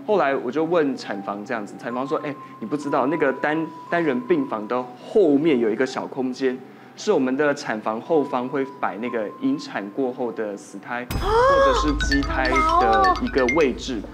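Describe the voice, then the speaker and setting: A man's voice: mid-range voice, very animated, moderate pace. A man, a doctor guest telling a ghost story on a TV talk show and quoting people in dialogue. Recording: studio with music playing under it.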